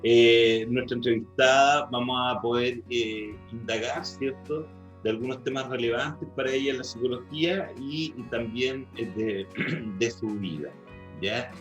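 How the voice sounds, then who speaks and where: An interview host with a Chilean accent speaks in a mid-range, slightly bright voice at a measured pace. His manner is semi-formal and somewhat hesitant, often with tag questions. The recording is muffled, with an echoey room and music behind.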